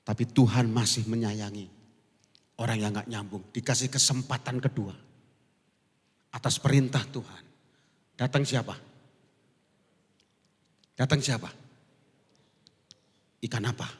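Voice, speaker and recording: A man preaching as pastor, telling the story in a lively, joking way and acting out the voices in it. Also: mid-range voice, measured pace, long pauses, slightly rough. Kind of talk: sermon. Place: large church hall. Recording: long church hall reverb.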